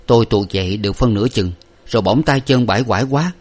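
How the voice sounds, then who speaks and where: A man reading a story, voicing a young gentleman master who gives orders curtly. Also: on the low side, quick pace, lightly acted. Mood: recounting. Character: young gentleman master, dazed but commanding.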